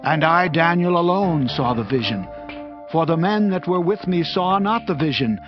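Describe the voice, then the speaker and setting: An actor with a fairly high, expressive voice plays a devout, humble prophet in a dramatized scripture reading, declaiming earnestly and reverently at a moderate pace with light acting. The sound is slightly dull, with music underneath.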